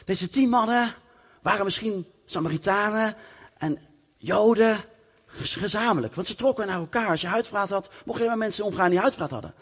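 A man preaching a sermon, telling a Bible story in a lively way and acting out its people. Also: sits high, normal speed, slightly rough. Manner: lively storytelling, acts out the characters. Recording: long reverb of a hall.

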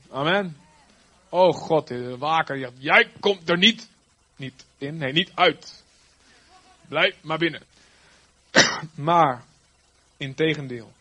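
A man preaching a sermon, swinging from loud, emphatic lines to quiet, trailing ends. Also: fairly high pitch.

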